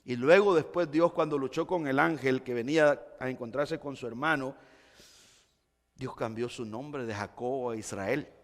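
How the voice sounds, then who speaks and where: A man preaching a sermon, moving from quiet explanation to loud, impassioned exclamations. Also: mid-range voice, normal speed. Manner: impassioned, swings between quiet and shouting. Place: church sanctuary. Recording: church hall reverb.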